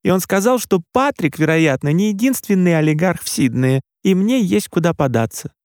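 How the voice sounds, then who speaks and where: A man's voice: animated, normal speed, darkish tone, no echo, studio quality. A man voicing a sobbing, distraught mother. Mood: upset. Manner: tearful, high and strained. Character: distraught sobbing mother, middle-aged woman.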